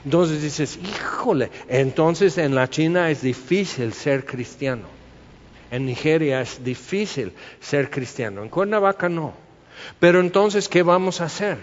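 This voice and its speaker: A man with a Mexican accent preaching a sermon as a pastor, talking conversationally and asking the congregation rhetorical questions. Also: medium pitch. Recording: reverberant hall, slightly dull sound.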